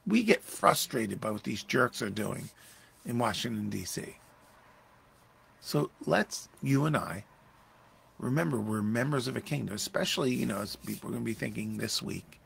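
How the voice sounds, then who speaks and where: Gravelly, husky pastor. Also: male voice, medium pitch, moderate pace. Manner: conversational, animated, acting out Jesus' lines with raised voice. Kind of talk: Bible study teaching.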